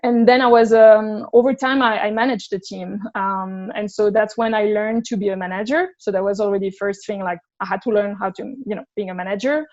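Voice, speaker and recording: A woman's voice: medium pitch, steady tone, brisk, few pauses, a little mellow. A woman in her thirties with a French accent, chatting as a guest in a casual interview. She talks candidly, thinking aloud and restarting her sentences as she goes, with a mid-range voice. The audio is slightly dull and lo-fi.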